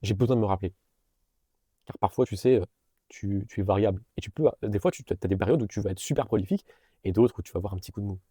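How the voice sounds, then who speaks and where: A man's voice: on the low side, fast talker, warm tone, slightly rough, no echo, studio quality. A young man in a casual, earnest motivational monologue, speaking straight to the viewer with fillers and restarts. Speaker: vlogger and business coach.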